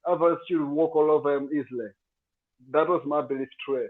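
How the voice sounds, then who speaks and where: A man speaking as a guest in a remote interview over a bad video call connection that cuts in and out, talking in a halting way and repeating words. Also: a little high, fairly even intonation. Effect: bad video call connection, cutting in and out. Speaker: boxer guest. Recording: tinny lo-fi call audio.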